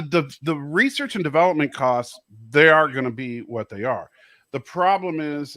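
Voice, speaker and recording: A man's voice: mid-range voice, a bit bright, dry recording. Guy hosting a chat stream, laughs a lot, reads comments, dry sound. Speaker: host. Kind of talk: casual chat.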